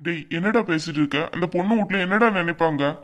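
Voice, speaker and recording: A woman's voice: on the low side, fast, lightly acted. Woman voicing a frail, stubborn old father. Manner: weak groaning, then stubborn and insistent. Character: frail old father, sick in hospital bed.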